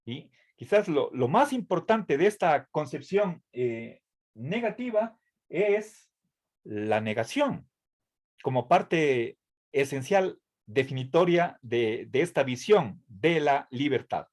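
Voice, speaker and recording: A man's voice: a little high, sing-song, slow. A man giving a tutoring lecture, explaining carefully with fillers, restarts and a frequent "¿sí?" to check his students follow. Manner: hesitant, with many fillers and restarts, asks "¿sí?" often. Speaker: university lecturer.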